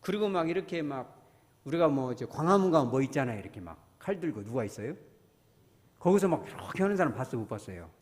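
A man preaching a sermon as pastor, lively and conversational, acting out quoted voices and putting questions to his congregation. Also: mid-range voice, fast. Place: church sanctuary. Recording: long reverb of a church hall.

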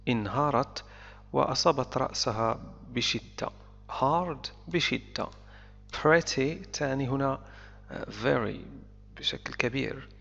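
Gravelly male teacher, echoey dull sound. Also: mid-range voice, slow pace, fairly bright tone. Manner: explains word by word with short repeats. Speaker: English teacher. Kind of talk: explanatory language lesson.

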